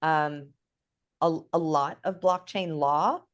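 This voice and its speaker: A woman's voice: low voice, slow. A woman talking casually as a guest expert, explaining things in a chatty way and often checking in with "right?". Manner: lively, chatty, lots of "right?" and fillers. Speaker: guest expert on NFT projects.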